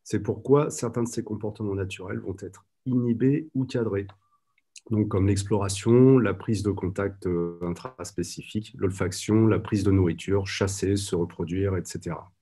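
Low dark-voiced guy presenting over a video call, husky, lots of euh. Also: normal speed. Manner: hesitant, many "euh" fillers. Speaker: guide dog trainer presenting at a conference. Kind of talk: online conference presentation.

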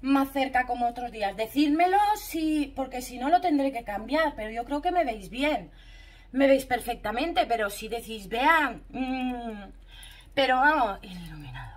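A woman from Spain with a Spanish accent, chatting excitedly to her viewers while she tries makeup on at home in front of a camera set in a ring light. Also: on the high side, normal speed. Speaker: beauty vlogger. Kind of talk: casual makeup review vlog. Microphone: camera mounted in a ring light, a bit back.

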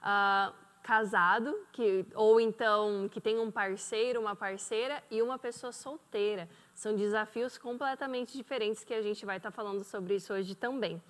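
A woman's voice: medium pitch, fairly even intonation, moderate pace, few pauses. A woman hosting a studio panel talk, asking questions and backing up her guests with short affirmations. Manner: encouraging, many short affirmations. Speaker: talk show host. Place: TV studio set. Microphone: handheld mic.

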